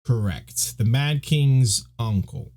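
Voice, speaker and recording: A man's voice: medium pitch, slow pace, mellow. A man co-hosting a podcast, talking casually and with animation, and mimicking characters when he quotes them. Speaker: podcast co-host.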